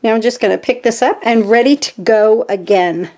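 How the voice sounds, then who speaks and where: A woman hosting a casual craft tutorial from her home craft room, chatting to viewers and getting excited as she works. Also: on the high side, normal speed. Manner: chatty and easily excited, talks to viewers while working. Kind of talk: casual step-by-step craft demonstration.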